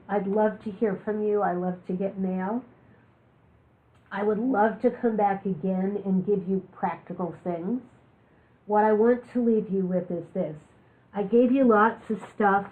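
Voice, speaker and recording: A woman giving a talk on living with chronic illness, telling candid personal stories with jokes. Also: medium pitch. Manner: candid, joking storyteller. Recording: lo-fi, phone-like recording.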